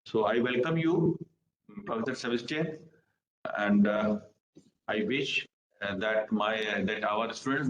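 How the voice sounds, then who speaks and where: Man speaking haltingly in an echoey room. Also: mid-range voice, a little hiss or hum. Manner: halting, many fillers. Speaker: head of department. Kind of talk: formal welcome speech. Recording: dull echoey online call.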